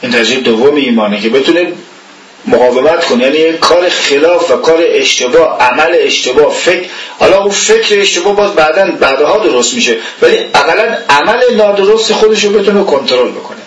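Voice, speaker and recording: A man's voice: fairly high pitch, animated, lo-fi sound. A man giving an informal religious lecture in a conversational way, asking rhetorical questions and chuckling now and then. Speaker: religious teacher. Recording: echoey room, voice from far off the mic.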